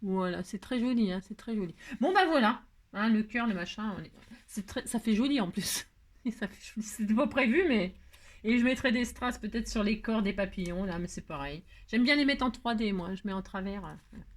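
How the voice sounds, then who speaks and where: A woman's voice: mid-range voice, a little fast. A French woman hosting a crafting tutorial, chatting casually to viewers as she works, humming little tunes and scolding herself over slips. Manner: chatty, talks to herself while working, hums little nonsense tunes; expressive, scolds herself when upset. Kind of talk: casual live crafting chat.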